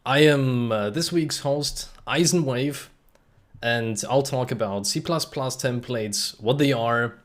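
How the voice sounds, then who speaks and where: A man's voice: mid-range voice, slow. A man from Germany hosting a live-streamed technical presentation, explaining in a casual way with frequent "uh" fillers and remarks to the chat. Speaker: host and presenter.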